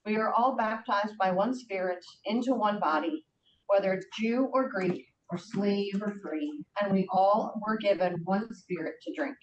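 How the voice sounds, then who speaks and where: Female lay scripture reader, roomy, dull distant pickup. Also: unhurried. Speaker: participant reading scripture aloud. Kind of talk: read-aloud scripture. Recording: echoey room, distant dull mic, rumble.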